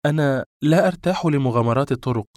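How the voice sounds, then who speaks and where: A man's voice: medium pitch, expressive, quick pace, darkish tone, no room sound, studio quality, pitched above the performer's own voice, lightly acted. A man reading an audiobook, voicing a distressed young woman who sharply questions her lover. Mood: pleading.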